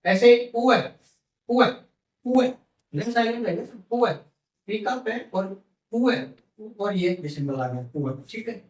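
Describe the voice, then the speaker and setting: A man's voice: high voice, animated, a little slow, pauses often. A man teaching a classroom lesson. He says words over and over and asks questions, then answers them himself. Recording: echoey room, mic from far.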